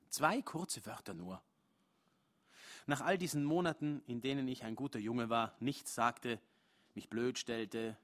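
Man, live literary reading, restrained measured delivery, medium pitch. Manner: restrained, measured reading with rising intensity in dialogue. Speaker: reader of a translated story.

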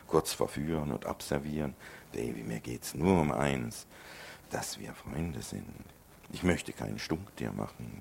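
A man's voice: a bass voice, slight background noise. A man performing rhymed songs and a spoken story with a rhythmic delivery. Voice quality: gravelly.

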